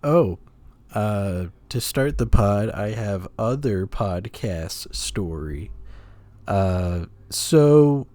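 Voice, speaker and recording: A man's voice: on the low side, animated, drawn-out words, mellow. A man co-hosting a podcast, chatting casually in a laid-back, gossipy way and laughing often. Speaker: podcast co-host.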